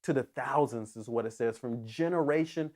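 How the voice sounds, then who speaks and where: A man's voice: medium pitch, normal speed, a little mellow. A man preaching a sermon as pastor, earnest and emphatic, often restarting his phrases as he builds toward a point.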